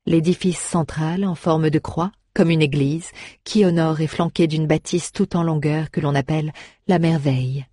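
A woman narrating a fantasy novel in a calm audiobook reading, close to the mic. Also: low-pitched, moderate pace, no room sound.

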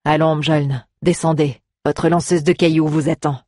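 A steady male hero, voiced by an audiobook reader, speaking calmly and firmly just below the reader's usual pitch. The voice is husky and recorded close and dry. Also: measured pace, no room sound, close to an everyday voice. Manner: calm, firm and reassuring.

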